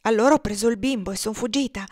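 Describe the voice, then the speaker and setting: A woman voicing a young runaway slave mother who pleads earnestly in a raised, higher voice in a storybook reading. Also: fast talker, darkish tone, no echo, studio quality, close to an everyday voice. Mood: pleading.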